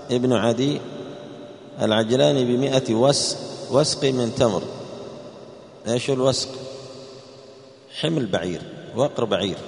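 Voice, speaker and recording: A man's voice: vocal fry, darkish tone. A man teaching Quran exegesis, posing rhetorical questions and answering them, and raising his voice sharply for quoted speech. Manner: raises pitch and volume sharply for quoted speech. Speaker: Islamic teacher. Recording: echoey hall with long reverb.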